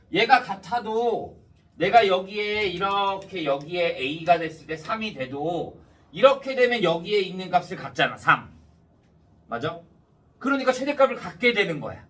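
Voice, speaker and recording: High-pitched male math teacher, slurred dental diction. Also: fairly bright tone, far from the mic. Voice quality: slightly slurred, lisping diction, numb-mouthed after wisdom tooth extraction. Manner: didactic, checks understanding often. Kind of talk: step-by-step math lesson with rhetorical questions to students.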